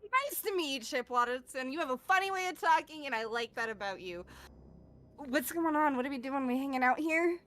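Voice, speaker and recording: A woman's voice: high voice, animated, a little fast, fairly bright tone. A woman voicing a chatty, cheeky young newcomer in a tabletop game, with casual, rambling, slangy talk. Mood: friendly, chatty.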